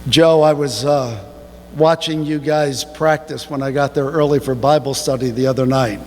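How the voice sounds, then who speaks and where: A man preaching a sermon as pastor, slow and emphatic, with sudden rises in pitch. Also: fairly even intonation, long reverb tail. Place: church sanctuary.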